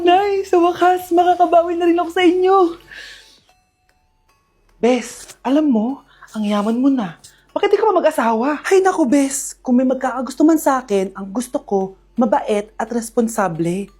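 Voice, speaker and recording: A young woman acting out comic story skits in a lively voice, playing every part herself. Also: high voice. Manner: lively, switches between characters. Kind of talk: acted POV skits, playing all parts.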